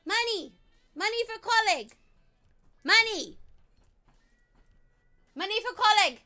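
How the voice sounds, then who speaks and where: A woman voicing a squeaky woman who begs for money in a pleading, repetitive way. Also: animated, slow, sharp tone, faint music behind, heavily acted. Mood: whiny begging. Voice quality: shrill, squeaky.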